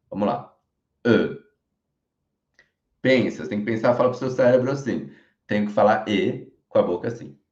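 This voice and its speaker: A Brazilian man teaching French in an online lesson, speaking clearly and modelling each sound slowly so learners can repeat it. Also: on the low side, a little mellow. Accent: Brazilian Portuguese. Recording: roomy, dull lo-fi recording.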